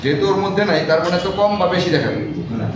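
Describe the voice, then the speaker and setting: With a high, animated voice and rapid-fire delivery, this man teaches repair to a class, going over points again and frequently testing his students with check questions. The echoey indoor classroom comes through a distant mic, leaving the audio dull, very reverberant and clearly noisy.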